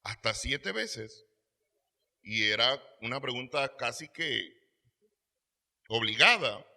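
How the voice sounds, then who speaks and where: A man's voice: medium pitch, expressive, takes it slowly, vocal fry, sharp tone. A man preaching a sermon as pastor, reading scripture aloud and swelling his volume for emphasis.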